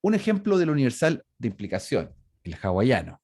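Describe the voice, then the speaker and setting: A man's voice: medium pitch, huge pitch swings, moderate pace, darkish tone, slightly rough, no echo, studio quality. A middle-aged man giving an online university lecture over a video call, explaining patiently with frequent fillers and self-corrections. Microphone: video call microphone.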